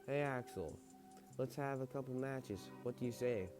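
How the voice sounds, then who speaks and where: A man puts on a cocky teenage gamer, eager and sure of himself, from a game story. Music plays clearly behind the voice. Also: mid-range voice, moderate pace, pitched above the performer's own voice, close to an everyday voice. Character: confident teenage male gamer friend, eager and boastful. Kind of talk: game story read aloud.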